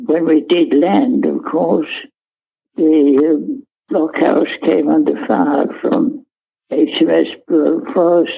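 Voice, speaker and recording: An elderly man, a war veteran, remembering in an interview in a halting, understated, matter-of-fact way with searching pauses. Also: a little high, gravelly, breathy edge, narrow, tinny audio. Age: elderly, 90s. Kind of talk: unscripted interview reminiscence.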